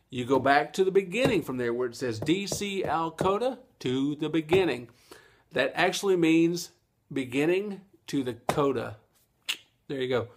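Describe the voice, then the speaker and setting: A middle-aged man, giving a casual, folksy ukulele lesson and laughing at his own jokes. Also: fairly high pitch. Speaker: ukulele teacher.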